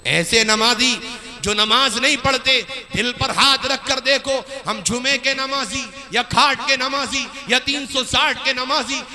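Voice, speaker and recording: A man preaching an impassioned sermon, swinging between loud emphatic bursts and quiet dropped phrases. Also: very high voice. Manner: impassioned preaching, rising and falling sharply. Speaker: Islamic preacher.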